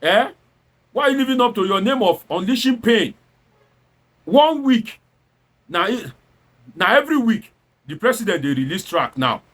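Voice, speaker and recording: Here the satirist's high voice is sing-song and a little bright, moving at a moderate pace broken by long pauses. The Nigerian man's political commentary is informal and theatrical, full of exclamations and rhetorical questions, switching between standard English and Nigerian Pidgin.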